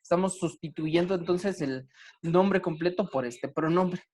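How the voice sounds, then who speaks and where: A man teaching an online grammar class, talking slowly with many fillers and restarts. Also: high voice, darkish tone.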